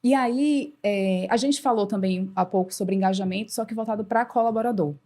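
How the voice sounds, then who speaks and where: A woman's voice: medium pitch, fairly quick, dark tone. Brazilian woman host, conversational, supportive interviewer, mid-range voice. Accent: Brazilian Portuguese. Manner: affirming, asks follow-up questions. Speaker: podcast host.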